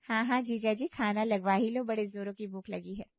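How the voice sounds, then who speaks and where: A woman's voice: mid-range voice, fairly even intonation, brisk, no room sound, natural voice. A woman voicing a nosy, outspoken aunt who is visiting as a guest and talks in a prying way, on a dull, lo-fi recording. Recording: dull lo-fi sound.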